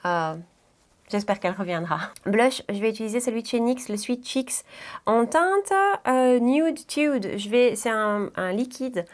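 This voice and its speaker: A young woman from the Brussels area with a Belgian French accent, chatting casually and filling pauses with "euh" and "voilà" while she does her makeup. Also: on the high side, animated. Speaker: beauty YouTuber.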